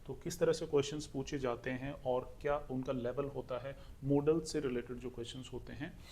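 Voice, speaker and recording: A man's voice: mid-range voice, steady tone, moderate pace, warm tone. A young adult man from India with an Indian accent, explaining English pronunciation step by step in an exam-prep lesson and repeating his points. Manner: repeats points, walks through a question step by step. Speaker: English teacher.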